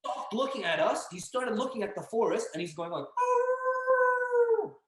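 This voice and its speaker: A young man telling a story as a podcast guest, casual and animated, acting out the voices of the people in it. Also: high-pitched, fairly quick. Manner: animated, acts out dialogue and yelling. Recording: echoey room.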